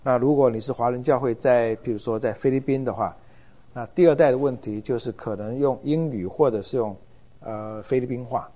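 A middle-aged man teaches in a relaxed, unhurried lecture. His voice is mellow and warm, and he often pauses with hesitation fillers as he thinks aloud. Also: mid-range voice. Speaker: church ministry lecturer. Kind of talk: informal lecture.

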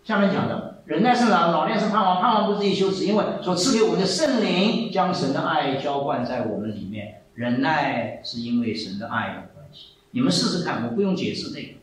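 Man, 70s, church preacher, animated storyteller who repeats himself, voice swinging high and low, faint room ambience. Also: fairly quick, hardly any pauses, a little hiss or hum. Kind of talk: sermon. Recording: echoey hall, mic far off, faint ambience.

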